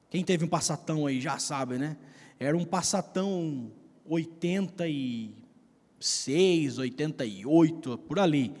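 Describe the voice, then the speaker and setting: A Brazilian man preaching a sermon, telling a personal story in a casual, slangy way. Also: a little high. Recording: long reverb of a large hall.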